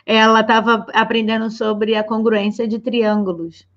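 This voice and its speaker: High-voiced woman telling a lively story. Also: measured pace. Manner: animated storytelling, acts out dialogue. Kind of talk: casual conversation. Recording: muffled lo-fi audio.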